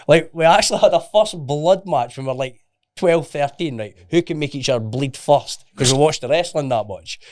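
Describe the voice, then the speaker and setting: A man's voice: fairly high pitch, normal speed, a little mellow. A man, a podcast guest talking emphatically in casual chat and swearing freely. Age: 30s.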